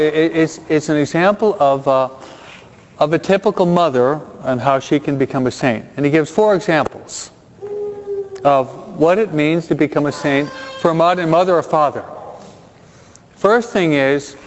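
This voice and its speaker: This preacher's voice runs on the high side at a normal speed, with a bit of hiss or hum in the background. His sermon is chatty and conversational, full of check-ins with the listeners and sprinkled with Spanish words amid the English. The sound is dull, with long hall reverb.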